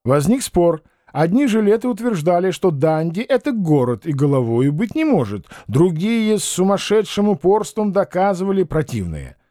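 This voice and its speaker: A man reading a novel aloud as an audiobook narrator, expressive and acting out the characters. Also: sits high, moderate pace, hardly any pauses, no echo, clean studio sound.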